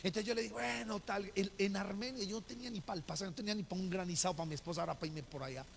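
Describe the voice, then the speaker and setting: Male pastor, animated sermon storyteller, high gravelly voice, long church reverb. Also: very fast, slight background noise. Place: church hall.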